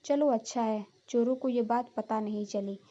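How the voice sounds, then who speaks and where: A woman's voice: fairly high pitch, moderate pace, warm tone, muffled recording, natural voice. Woman doing a naive young daughter-in-law. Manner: naive and earnest. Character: silly literal-minded young daughter-in-law.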